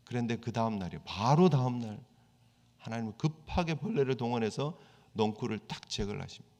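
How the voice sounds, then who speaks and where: A man's voice: medium pitch, animated, fairly quick, a little mellow. A male pastor preaching a sermon in a conversational style. He acts out the quoted prayers and complaints of the people he describes. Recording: church hall reverb.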